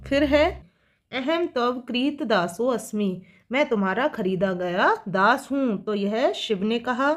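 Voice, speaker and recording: A woman teacher, speaking, works through textbook exercises for children, reading each line slowly and then explaining it. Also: fairly high pitch, expressive. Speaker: school teacher.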